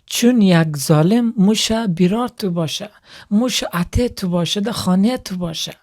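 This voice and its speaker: A speaker giving a calm, earnest closing message. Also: medium pitch. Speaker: sketch narrator.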